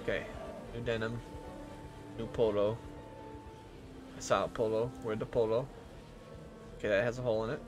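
Swearing gamer muttering over music. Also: male voice, lowish voice, little pitch movement, normal speed, pauses often. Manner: swearing, muttering to himself, jumpy bursts. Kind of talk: let's play commentary.

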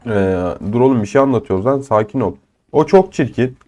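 A young man with a cold, giving casual, excitable commentary over his own shooter gameplay, swearing and teasing opponents. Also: mid-range voice, fairly quick, a little hiss or hum. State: ill with a cold. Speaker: gaming channel host.

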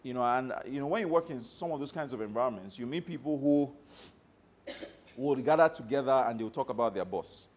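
A man's voice: mid-range voice, normal speed. A man giving a live motivational workshop talk to staff, telling stories and often checking that the audience follows him. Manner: animated storyteller who checks in with the audience. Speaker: motivational trainer.

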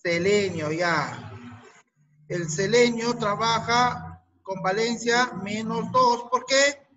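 High, bright-voiced male chemistry teacher. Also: slow pace, dull audio, a little hiss or hum. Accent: Peruvian Spanish. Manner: questioning, repeats answers, drills students. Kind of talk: online class lesson.

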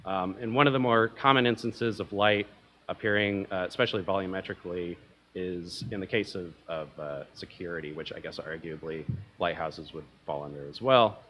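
A man's voice: low-pitched, moderate pace, sharp tone, a little hiss or hum. Young man giving a casual conference talk. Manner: casual, self-deprecating, many ums and uhs. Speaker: conference presenter. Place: conference hall, at a lectern.

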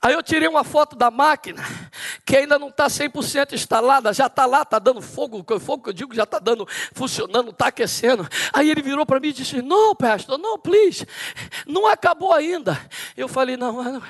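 Male pastor, high voice, Brazilian, preaching a sermon that builds to shouted declarations. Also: quick pace, gravelly. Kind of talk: Bible study sermon. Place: church hall.

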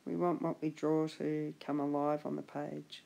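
A woman art instructor, husky and gravelly from a chest infection, gives a drawing lesson in a relaxed, chatty voice-over. Her voice sits low and unhurried, and the recording is muffled. She remains encouraging, often letting a thought trail off before starting again.

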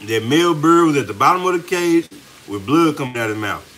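A man co-hosting a home cooking vlog, telling a story in an animated, laughing way with casual slang. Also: on the high side, brisk, poor audio. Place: home kitchen with frying food.

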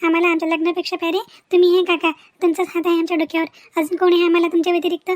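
Dutiful young village daughter in a cartoon, very high and quick-talking, pleading. The sound is close and dry. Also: female voice, level tone, darkish tone, dry recording. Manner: pleading, coaxing. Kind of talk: cartoon voice acting.

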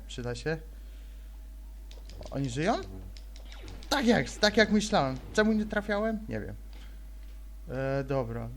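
Chatty, higher-voiced young man gaming. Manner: chatty, rambling, near-constant chatter. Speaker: let's-play gamer. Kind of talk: casual gaming commentary. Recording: faint noise, game sound behind.

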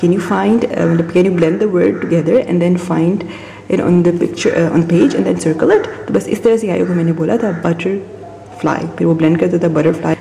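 Low gravelly woman explaining a homeschool curriculum, warm mellow voice, bit of hiss behind. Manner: mixes Hindi and English, many fillers, demonstrates words aloud. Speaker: homeschooling parent reviewing a curriculum. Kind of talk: casual curriculum walkthrough.

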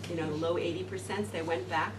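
A middle-aged woman talks fast in a lowish, fairly even voice to a seated group indoors in a classroom. Her informal talk rambles with many fillers and restarts, captured by a distant camera amid roomy, noisy acoustics.

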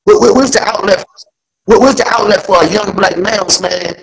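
Young man, high voice, excitable profane rants, lots of stammered restarts, video-call audio. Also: moderate pace, creaky, rough recording. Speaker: panelist. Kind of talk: casual chat.

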